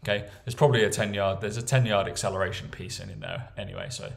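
A man's voice: fairly low pitch, fairly even intonation, fast, vocal fry. A young man coaching casually while walking through a training plan, often checking in with "okay?" and "right?". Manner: chatty, tags lines with "okay?" and "right?". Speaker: strength coach. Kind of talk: casual screen-share walkthrough.

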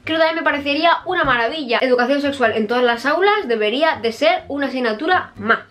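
A woman's voice: sits high, animated, fast, a bit bright. A young woman from Spain with a Spain Spanish accent, chatting bluntly as she answers viewer questions in a casual vlog and swearing freely.

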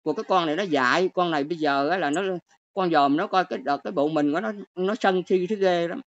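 An older woman with a Southern Vietnamese accent, hosting a livestream rant. She talks quickly and scolds her viewers with one exclamation after another. The audio is dull and lo-fi. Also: fairly low pitch, over a noisy crowd.

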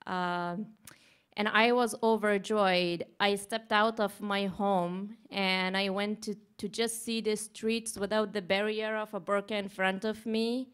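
A young woman from Afghanistan speaking at a podium microphone in a large conference hall, with many pauses and restarts. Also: medium pitch, steady tone, clear, resonant tone. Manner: hesitant, many ums and restarts. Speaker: advocacy manager. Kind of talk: conference speech.

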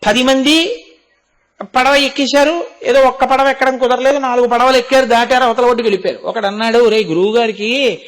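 High-voiced man giving a devotional discourse. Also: fairly even intonation, brisk. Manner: explains with everyday examples and rhetorical questions; recites Sanskrit verses in a chanting cadence. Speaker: spiritual speaker.

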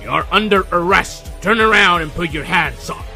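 A man's voice: high-pitched, moderate pace, creaky, sharp tone, soft background music. A man talking playfully in comedy skits. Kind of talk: comedy skit.

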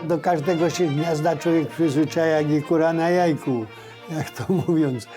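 An older man, reminiscing informally in plain, folksy, halting phrases. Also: on the high side, steady tone, over music. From Poland, riverside village in Lesser Poland. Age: older, born 1938. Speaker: local resident recalling village life.

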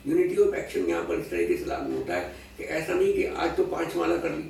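A man's voice: a little high, huge pitch swings, normal speed, vocal fry, darkish tone. A man being interviewed as an astrology scholar, explaining patiently with everyday examples and slipping English phrases into his speech. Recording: echoey room, voice far from mic, faint noise.

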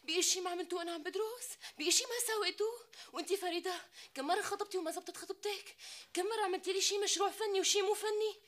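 Tearful student sister, very high, fast wailing. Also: female voice, a bit bright. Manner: sobbing while laughing, wailing complaints. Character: young woman student, despairing and tearful. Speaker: sister crying over her exams.

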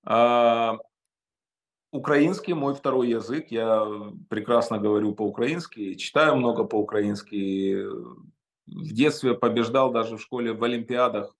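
Over a video call from his study at home, a man from Ukraine in his fifties takes interview questions as a guest. His voice is medium-pitched, and he speaks forcefully yet haltingly, hesitating often.

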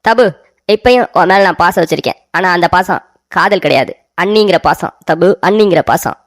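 A woman's voice: lowish voice, a little fast, natural voice. A woman voicing an emotional, naive young man in a cartoon story, talking in a whiny, pleading way.

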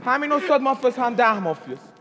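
A male contestant making his case loudly and forcefully, his fairly high voice breaking into shouts. The sound rings with a long reverb, as in a large studio hall. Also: big pitch swings, a little hiss or hum. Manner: forceful, arguing and often shouting. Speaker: game show contestant. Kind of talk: heated game argument.

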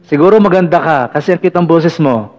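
Male host for a live call-in show, talkative and playful, voice pitched a little high, light music underneath. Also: brisk, darkish tone. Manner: chatty, teasing, many fillers like "ayan". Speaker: vlog radio-style host taking callers. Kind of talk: casual live call-in chat.

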